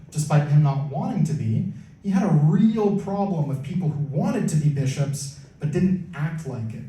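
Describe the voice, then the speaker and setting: Guy from canada telling church stories, dark mellow voice, super echoey hall, mic far off. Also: on the high side. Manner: lively storytelling with acted-out quotes and frequent restarts. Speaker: church presenter. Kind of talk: storytelling presentation.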